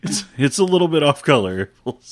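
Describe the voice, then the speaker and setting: A man's voice: on the high side, very animated, a little fast, dry recording. A man co-hosting a casual podcast chat. He is wry and self-deprecating, and he often stammers and restarts his phrases. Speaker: podcast co-host.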